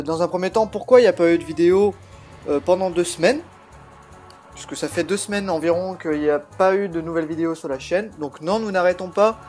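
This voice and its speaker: A man with a slightly altered voice, chatting and explaining as he plays a video game, recorded on a laptop's built-in microphone. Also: high voice. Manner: chatty, explains while playing, frequent hesitations. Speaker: let's play host. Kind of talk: casual gameplay commentary.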